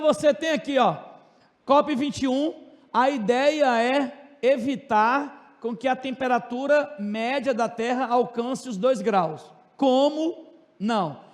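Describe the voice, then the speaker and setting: Loud high-voiced man teaching, joking. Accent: Brazilian Portuguese, Tocantins region. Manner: loud, fast and joking, with asides to students. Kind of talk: joking classroom lecture. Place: classroom. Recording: long reverb of a classroom.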